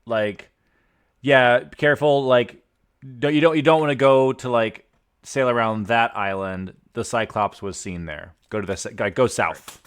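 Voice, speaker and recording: A man's voice: mid-range voice, normal speed, smooth. A man acting as game master, explaining lore with lots of fillers and restarts. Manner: rambling, filler-heavy explaining. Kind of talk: improvised narration for a tabletop game.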